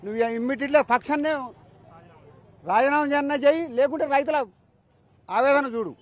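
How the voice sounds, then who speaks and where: A man's voice: extremely high pitch, a little fast. A man farmer with a Telangana Telugu accent, speaking outdoors in a news interview in an angry, defiant way. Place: outdoors by a canal.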